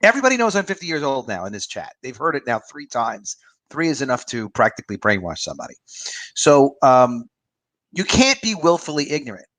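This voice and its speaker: A man's voice: medium pitch, big pitch swings, fairly quick, a bit bright, no room sound. A man in his fifties, an author and publisher, giving his opinions in a rambling, casual livestream chat with a dry close sound. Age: 50s.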